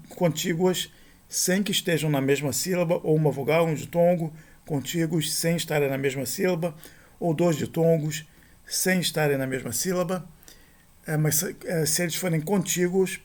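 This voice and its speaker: A middle-aged man teaching a recorded grammar lesson, patient and repetitive, often checking with a quick tag question. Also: a little high. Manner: patient, repeats points, frequent "né?" tag questions.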